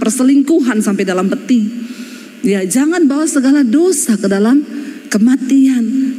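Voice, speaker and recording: A woman pastor delivers a lively sermon in with a lilt. She is emphatic and earnest, with flashes of down-to-earth humor. Her voice rings out with a long reverb tail, as in a large church hall. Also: high-pitched.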